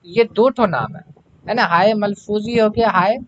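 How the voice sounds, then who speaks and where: A male language teacher walking through exam-prep questions, repeating each question to the class and then answering it himself. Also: high voice. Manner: fills pauses with "है ना". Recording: dull lo-fi recording with clear background noise.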